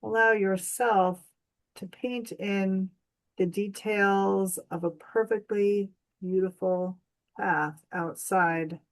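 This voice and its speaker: In a medium-pitched voice with fairly even intonation, a woman guides a meditation. The delivery is calm, gentle and unhurried, with long pauses between each phrase.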